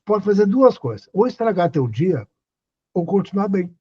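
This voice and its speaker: A man's voice: high voice, very animated, normal speed, darkish tone, slightly rough, highs cut off. An older man, hosting a live stream and giving earnest, casual advice, often asking the listener questions. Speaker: host.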